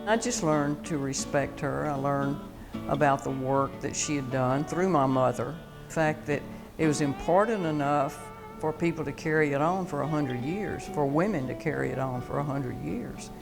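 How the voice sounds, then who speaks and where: Proud woman, gravelly voice. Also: sits low, moderate pace. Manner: proud, sincere. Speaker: relative of the founder. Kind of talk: interview testimonial. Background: music.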